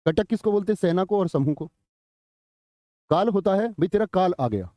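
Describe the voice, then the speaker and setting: A man's voice: sits high, animated, normal speed, mellow, no echo. A middle-aged man teaching a live online grammar class, chatty, telling anecdotes and quizzing students.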